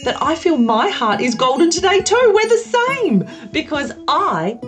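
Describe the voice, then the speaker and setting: Female kids' host, high and very animated, broad singsong theatre delivery, gushing encouragement, music underneath. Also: normal speed. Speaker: children's podcast host. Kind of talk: children's show presenting.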